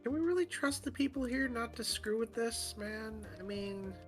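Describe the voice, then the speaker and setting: A woman's voice: fairly high pitch, lively intonation, moderate pace. A woman chatting casually as she plays a game and reacts to it. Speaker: gameplay streamer. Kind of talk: casual playthrough chat, reading dialogue aloud. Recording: game music behind.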